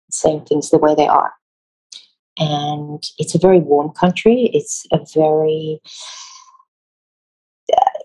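An Israeli theatre designer, speaking on the low side with a darkish tone, works through interview questions thoughtfully, taking pauses and correcting herself. The audio quality is poor.

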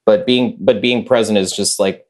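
A man's voice: on the low side, steady tone, moderate pace, darkish tone. A young man chatting as a podcast guest, rambling with lots of filler words. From United States. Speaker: podcast guest, chess master. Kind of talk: casual conversation.

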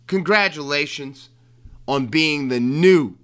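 A male sports host delivering a loose, joking monologue. His voice sits a little high and sounds bright and sharp, and his talk is full of asides, ums and quick restarts. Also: clear, resonant tone. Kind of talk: casual sports commentary monologue.

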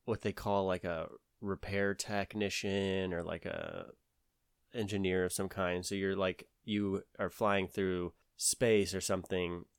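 A man's voice: low voice, flat delivery, measured pace, clean tone, no echo, clean studio sound. A man from the American South with a Southern accent, telling a long story in casual conversation, rambling with many fillers and restarts.

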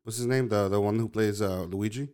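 Rambling man with a smooth voice. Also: fairly low pitch, fairly quick, mellow. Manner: rambling, hesitant, lots of fillers and restarts. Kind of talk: casual chat.

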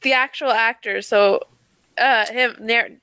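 A woman's voice: a little high, steady tone, a little slow, sharp tone, smooth, dry recording, rough recording. A woman co-hosting a podcast, chatting casually, laughing often and swearing freely. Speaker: podcast co-host. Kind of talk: casual chat.

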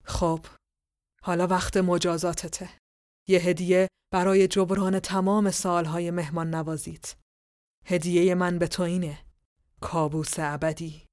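A woman voicing Morpheus, an ancient and vengeful male king of dreams, with a raspy, ringing voice and a cold, scornful, measured way of speaking. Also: fairly low pitch, flat delivery, a little mellow, no room sound, studio quality, close to an everyday voice. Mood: menacing.

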